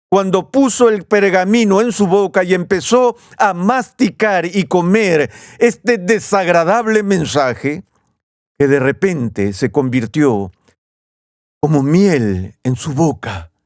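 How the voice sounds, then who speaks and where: Male preacher, measured teaching delivery, dry recording. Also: high voice, no echo. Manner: measured, teaching tone with slow emphatic phrases. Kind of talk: sermon.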